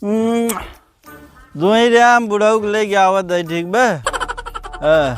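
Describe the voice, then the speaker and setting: A man's voice: high voice, slow, faint music behind. A man playing a drunk village son in a rural comedy sketch, slurred and rambling, repeating himself in a Bhojpuri accent. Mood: pestering.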